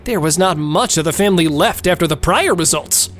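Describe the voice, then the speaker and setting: A woman's voice: on the low side, expressive, brisk, soft background music. A woman narrating a scripted recap of a reality court show in a gossipy, theatrical, cheeky way, playing up the melodrama.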